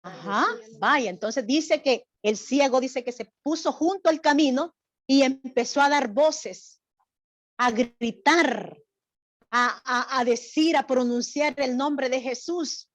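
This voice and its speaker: High-voiced woman teaching a Bible lesson. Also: slow pace, no echo. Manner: asks the group questions, often adds "right?". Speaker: church teacher directing a Bible drama. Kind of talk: Bible lesson with rehearsal directions.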